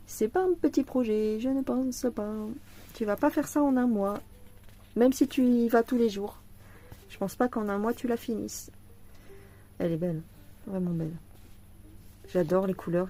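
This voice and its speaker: A woman's voice: medium pitch, warm tone. A tired woman chatting to viewers while showing a cross-stitch kit at home, laughing often. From France. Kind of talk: casual chat unboxing a craft kit.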